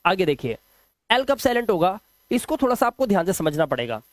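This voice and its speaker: A man teaching pronunciation rules in a patient, step-by-step classroom style, repeating examples slowly. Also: high voice, sing-song, dry recording. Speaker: English teacher. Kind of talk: classroom-style lesson explaining silent letters.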